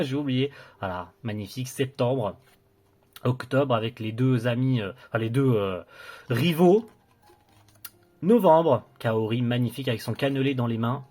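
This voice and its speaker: A young man with a husky, slightly breathy voice talks through an unboxing in a casual, eager way. He stumbles often, restarts his sentences and keeps dropping in small fillers. His pitch stays in an ordinary middle range. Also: a little mellow. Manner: hesitant, full of fillers and restarts, enthusiastic. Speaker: anime reviewer presenting a collector's box set.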